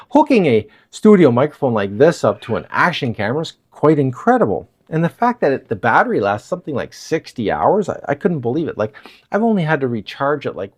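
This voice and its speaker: A man talks through a gear review in his apartment, explaining things in a relaxed, chatty way. His pitch moves around a lot, which keeps the delivery animated. A clip-on wireless mic keeps the voice close. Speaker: product reviewer. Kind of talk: casual product review. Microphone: wireless lav mic.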